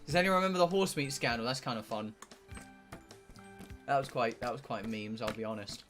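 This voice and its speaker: Talking briskly over music, this southern English game streamer rambles through a livestream in a blunt, casual way, swearing freely. His voice sits at a medium pitch.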